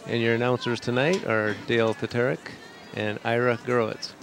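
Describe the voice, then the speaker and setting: A man's voice: medium pitch, level tone, a little fast. A middle-aged man giving casual, chatty, descriptive live soccer commentary outdoors. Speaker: soccer announcer. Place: outdoors at an evening soccer field. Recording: outdoor recording with crowd and noise.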